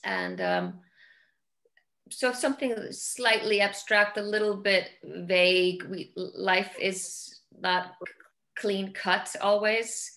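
A woman's voice: mid-range voice, steady tone, takes it slowly, bright, forceful tone. A middle-aged woman from Iceland with an Icelandic accent, a film director talking casually over a video call, searching for words and often repeating them. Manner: thoughtful, repeats words while searching for phrasing. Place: home room with large windows.

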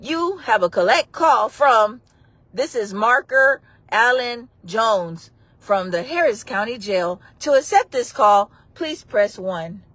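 A stiff automated payphone recording from a jail collect line, as a woman puts it on, reciting each prompt at a slow, flat pace. The voice sits fairly high. It is recorded close and dry, with no room sound. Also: husky, no echo, full character voice. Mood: robotic. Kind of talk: comic impression in a casual vlog.

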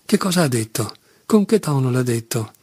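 A man voicing a timid, kind young man speaking softly and conciliatorily, in an audiobook reading. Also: medium pitch, sing-song, normal speed, husky, no room sound. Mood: gentle.

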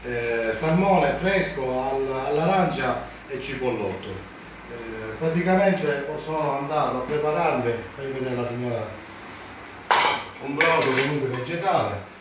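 A man's voice: medium pitch, distant mic. Man in an echoey kitchen, cooking demonstration. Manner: halting, repeats and corrects himself. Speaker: home cook presenting a recipe. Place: home kitchen, indoors. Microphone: phone held by someone a few steps away. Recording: roomy kitchen, off-mic, frying and sizzling noise.

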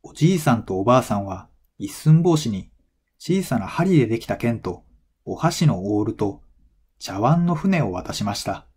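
A man tells a scripted folktale for language learners with measured, clear phrasing. His mid-range voice has a darkish tone and swings widely in pitch.

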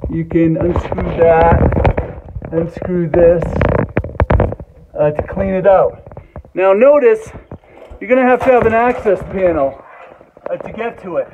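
A middle-aged man giving a plain, halting DIY walkthrough of plumbing in an unfinished house, filmed on a handheld phone. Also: sits high. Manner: plain explanatory, halting with fillers. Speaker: home builder. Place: unfinished house under construction, indoors. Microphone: phone camera at arm's length. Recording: tinny phone audio with noise.

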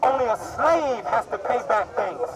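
A man preaching and debating in a city park, forceful and full of rhetorical questions. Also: very high voice, animated, normal speed. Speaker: street preacher. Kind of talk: outdoor street debate. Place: city park outdoors, crowd around. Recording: loud crowd noise behind, outdoors.

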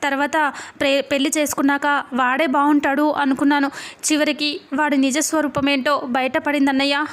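A woman's voice: high-pitched, level tone, moderate pace, a bit bright. Woman reading as a grieving, furious mother. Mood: pleading.

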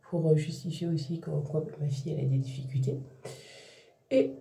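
Here a worn-out mother and vlogger vents to her audience, her phrases trailing and restarting. The low, warm voice has vocal fry, fairly even intonation, and a moderate pace. It's captured with a roomy echo, a little far from the microphone.

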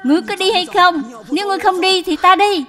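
A woman voicing a harsh, scornful old mother-in-law who scolds and shouts in a dubbed period drama. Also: high-pitched, fast talker, natural voice. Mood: furious. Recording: with music behind.

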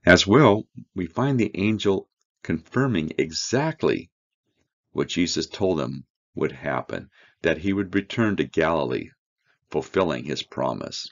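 Man, Bible teacher, very deep gravelly voice, lively intonation, dull lo-fi recording. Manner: reads scripture then explains it, slow earnest emphasis. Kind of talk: verse-by-verse Bible study.

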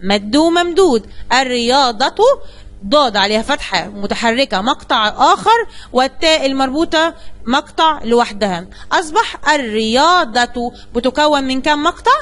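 A woman teacher with an Egyptian accent and a high voice. She addresses the class directly and takes each word apart patiently, one step at a time. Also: animated, moderate pace, a bit bright. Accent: Egyptian Arabic. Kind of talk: classroom lesson explanation.

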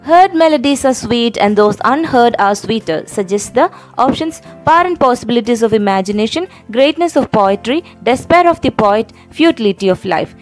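Slow-speaking Malayali woman teacher. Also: a little high, darkish tone. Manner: reads questions slowly, explains in quick Malayalam asides. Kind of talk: exam question lecture.

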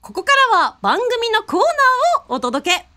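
High-pitched, sharp-tongued woman radio host. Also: huge pitch swings, moderate pace. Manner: sharp-tongued, shouts in mock anger, bursts of laughter. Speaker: radio show host, VTuber. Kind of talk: comedic radio variety talk.

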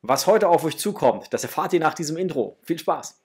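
Talking to his viewers in a small indoor room at home, this man in his thirties or forties hosts a toy unboxing vlog. His voice is a little high, animated, fairly quick and slightly rough, and he's warmly effusive and casual with the audience.

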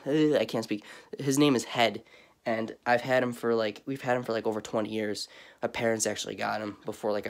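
In a low-leaning voice with vocal fry and a stuffy, cold-clogged sound, a young vlogger chats his way through a tour of his bedroom, dark apart from Halloween lights. His talk wanders with many fillers, recorded on a handheld phone at arm's length.

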